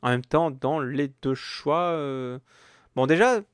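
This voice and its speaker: A man's voice: mid-range voice, slow, clear, resonant tone, dry recording, clean studio sound. A man hosting a casual podcast, talking hesitantly with many fillers and restarts. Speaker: podcast host. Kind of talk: casual chat.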